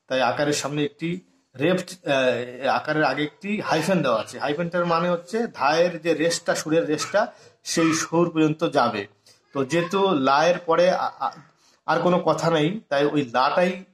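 A man teaching a harmonium lesson on reading notation, explaining step by step and stopping to sing short phrases and count out beats. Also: on the high side. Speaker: music teacher.

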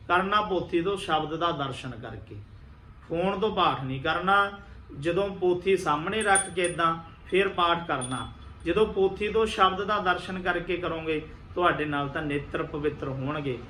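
Bright-voiced man giving earnest religious instruction. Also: fairly high pitch, roomy sound, a little hiss or hum. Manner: earnest, instructive, repeats key points. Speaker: Sikh religious teacher.

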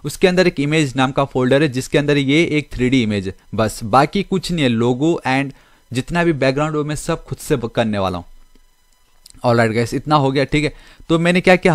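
A man's voice: medium pitch, brisk, no echo. Guy doing a coding tutorial, chatty, flips between hindi and english, keeps saying guys, dry close sound. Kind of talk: casual screen-recorded coding tutorial.

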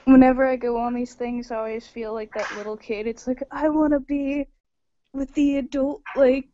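A woman's voice: high voice, little pitch movement, moderate pace, dark tone, a little hiss or hum. An eighteen-year-old woman chatting casually as a guest artist, rambling and self-deprecating. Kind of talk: casual chat on a video call. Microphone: video call. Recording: lo-fi video call audio.

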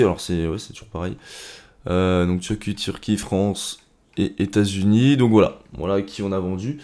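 A young man giving casual, rambling commentary on his football game career, with lots of fillers and excited shouts at goals. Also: fairly low pitch. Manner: chatty, rambling, many fillers. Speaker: gaming YouTuber.

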